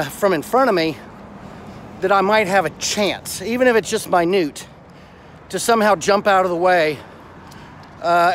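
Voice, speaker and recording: Middle-aged man vlogging on a walk, noisy outdoors. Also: high voice. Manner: talking while out walking, blunt and salty. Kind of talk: casual chat to camera while walking. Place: outdoors on suburban sidewalks and park paths. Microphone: phone at arm's length, wired earphones worn. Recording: noisy outdoor phone recording with traffic.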